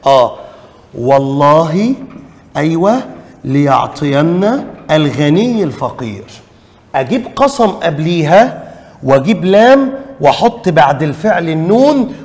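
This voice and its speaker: A man's voice: on the high side, reverberant, big-room sound. A man with an Egyptian Arabic accent teaching an exam revision lesson, emphatic, repeating key rules and quizzing his students.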